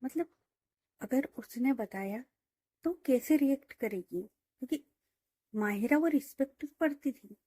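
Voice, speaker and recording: A woman's voice: high voice, animated, measured pace, long pauses, warm tone, husky, dry recording. A woman telling a romance story in a casual, chatty way, full of fillers, into a close mic.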